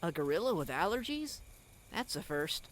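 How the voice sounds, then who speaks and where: A woman's voice: fairly low pitch, sing-song, moderate pace, no echo. A woman voicing a jittery young animal who scares easily and stutters. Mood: nervous. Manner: nervous, stuttering.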